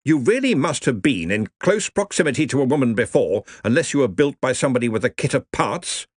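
A man's voice: mid-range voice, big pitch swings, fairly quick, slightly rough, no room sound, studio quality, voice pushed up. A man doing a bluff, bossy old wizard chief. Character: bluff, commanding old male wizard head of a university.

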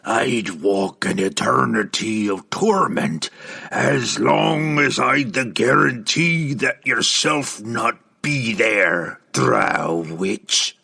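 A man voicing the bitter ghost of an old dwarf king, with a gravelly voice and slow, forceful contempt. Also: mid-range voice, lively intonation, exaggerated voice.

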